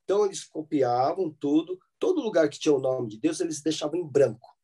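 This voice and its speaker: A man's voice: a little high, animated, a little fast, warm tone, slightly rough. A man with a Brazilian Portuguese accent teaching a church theology class, explaining step by step and often checking in with his listeners. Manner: explanatory, with frequent "né?" and "tá?" check-ins.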